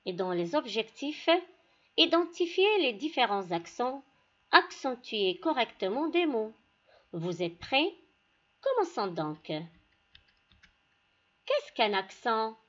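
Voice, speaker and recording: Slow, lively-voiced woman teacher. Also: fairly high pitch, highs cut off. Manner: slow, deliberate, addresses pupils directly. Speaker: primary school teacher. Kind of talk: classroom lesson.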